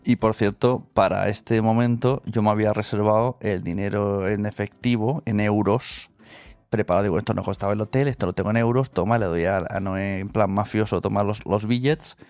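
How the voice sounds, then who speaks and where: A man's voice: lowish voice, steady tone, brisk, darkish tone, dry recording, faint music behind. A man from Spain co-hosting a podcast, chatting casually with wry jokes. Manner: joking, wry asides. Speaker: podcast co-host. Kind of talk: casual chat.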